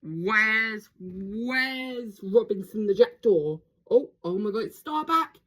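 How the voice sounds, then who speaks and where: Woman at home by the window, slow gushy excited chatter, voice jumps all over. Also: mid-range voice. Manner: excitable, gasping and exclaiming. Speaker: birdwatcher filming her garden. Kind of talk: casual excited commentary.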